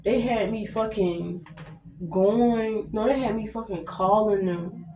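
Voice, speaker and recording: A woman's voice: medium pitch, slow pace. A young American woman telling a story casually to viewers, blunt and slangy, swearing heavily. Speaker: vlogger. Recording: roomy echo, distant mic, faint noise.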